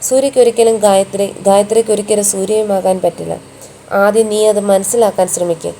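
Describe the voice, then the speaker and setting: A woman's voice: mid-range voice, fairly even intonation, a little fast, mellow, a little hiss or hum, close to an everyday voice. A woman reading the part of a blunt male friend who lectures and scolds in a firm tone. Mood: lecturing.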